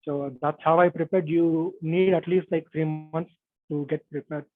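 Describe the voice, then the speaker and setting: A man's voice: on the high side, steady tone, normal speed. A man, heard over a bad video-call connection, talking hesitantly with many fillers as an interview guest. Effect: bad connection, narrow phone-like call audio. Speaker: interview guest, software tester. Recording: tinny, dry video-call line.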